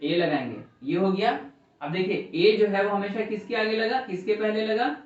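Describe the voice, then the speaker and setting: This man's voice sits high and moves at a moderate pace as he teaches English grammar, putting questions to the class and repeating what students say. The sound is distant and dull, with classroom echo.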